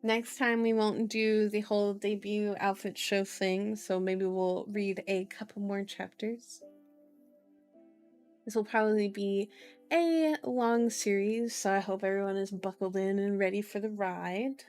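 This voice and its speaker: A woman streamer hosting an ASMR book reading rambles casually to her viewers in a sleepy, cutesy way, very unhurried, with playful little phrasings. Her medium-pitched voice is darkish yet clean, with fairly even intonation, and music plays behind her.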